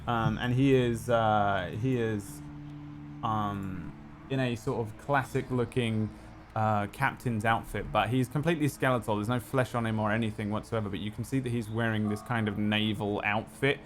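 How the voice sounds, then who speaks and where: A man improvising tabletop game narration as game master, halting and thinking aloud. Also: on the low side, steady tone, slight background noise. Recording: music behind the voice.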